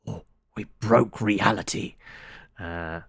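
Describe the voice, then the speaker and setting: With a lowish, gravelly, husky voice, a man plays a text adventure game, reading it aloud dramatically while muttering commands and adding halting, casual asides.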